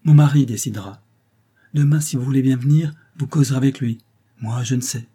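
A man's voice: mid-range voice, fairly quick, dark tone, breathy edge, pitched above the performer's own voice, natural voice. A man reading aloud, voicing a flustered, hesitant adult woman in a novel. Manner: hesitant, surprised.

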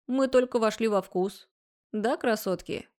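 A woman's voice: fairly high pitch, measured pace, a little mellow, close to an everyday voice. A woman voicing a giddy drunk young man who slurs, hiccups and sings his words on the phone in a storybook reading. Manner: slurred, hiccuping, sing-song.

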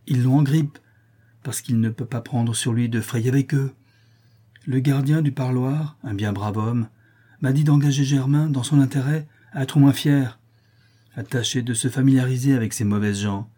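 Male reader doing a plaintive young Parisian working girl, mellow and husky. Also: normal speed, natural voice. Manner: tender, plaintive, lifting into a higher voice. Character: young working Parisian woman, sweet and worried. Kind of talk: audiobook character reading.

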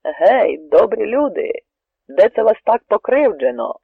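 A bold, defiant Cossack warrior, voiced by a man in a radio story, shouting his challenge so the whole troop can hear. The voice is husky with some gravel, and the sound is thin and phone-like, close and dry. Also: on the high side, lively intonation, normal speed, no echo, heavily acted. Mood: rousing. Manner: loud, rousing, threatening shouts. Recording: narrow tinny radio recording, dry.

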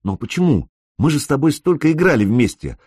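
A man reading an audiobook, voicing a young woman gamer who is anxious, clingy and quick to scold. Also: mid-range voice, sing-song, a little mellow, breathy edge, dry recording, studio quality, voice pushed up. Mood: hopeful.

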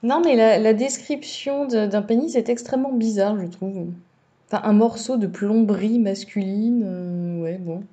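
A woman co-hosting a casual book podcast, making wry, easygoing remarks that trail off softly. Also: mid-range voice, moderate pace. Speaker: podcast co-host.

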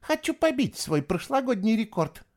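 This is a scornful young girl from a spoken storybook, sharp and mocking in every line. A man acts her out, lifting the voice well above his own. The tone stays high and sneering throughout. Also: sing-song, normal speed. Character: bossy, scornful girl trick-or-treater.

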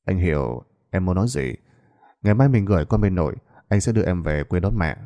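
A gentle young husband speaks in a calm, low, mellow voice, soothing and reassuring, voiced by the male narrator in a near-natural tone. His delivery is steady and kind. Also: brisk, creaky.

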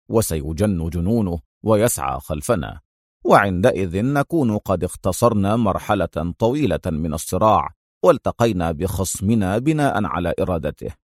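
A man voicing a calm, ironic male secret agent who speaks in a low, wryly teasing tone. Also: dry recording, studio quality.

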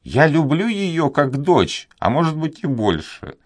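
A man voicing an elderly devout Spanish duenna who pleads and sighs, raising his voice high for her. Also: sing-song, measured pace, husky, no room sound, clean studio sound, heavily acted. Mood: earnest pleading. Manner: sighing, pleading, high raised voice. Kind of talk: audiobook character reading.

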